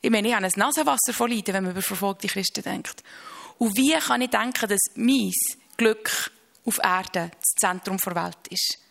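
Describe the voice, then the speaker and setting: A woman, speaking earnestly and reflectively about her faith as an interview guest, with halting restarts and slow emphasis on key phrases. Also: mid-range voice, vocal fry, a bit bright.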